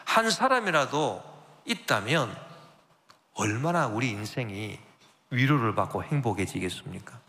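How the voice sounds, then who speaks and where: A man's voice: mid-range voice, a bit bright. A man, senior pastor of a church, preaching a Sunday sermon with rising emphasis and spoken asides. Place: church sanctuary. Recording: long church hall reverb.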